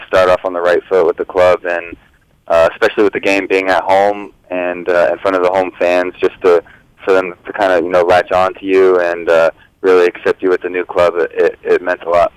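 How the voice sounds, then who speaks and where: A man's voice: low voice, flat delivery, a little fast, clear, resonant tone, no room sound, low-quality recording. A young man, an athlete giving casual interview answers in an understated, hesitant manner. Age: young adult. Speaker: professional soccer player, interview guest.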